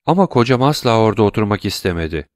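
A male reader raising his voice into a poised noble lady of an old novel, polite and probing in her questions. The voice sits a little higher than the narration, dry and close to the mic. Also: lively intonation, racing, no room sound, lightly acted. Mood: courteous. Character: poised noble woman, a prosecutor's wife.

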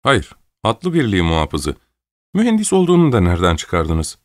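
A man's voice: deep voice, huge pitch swings, normal speed, no room sound, studio quality. A man voicing a polite, teasing young nobleman in an audiobook. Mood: bantering.

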